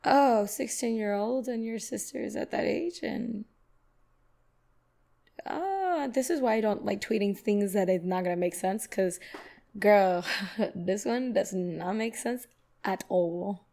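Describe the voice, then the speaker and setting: A young woman hosting a reaction video, talking back to a clip in a lively, casual way and laughing often. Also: medium pitch, slow, gravelly.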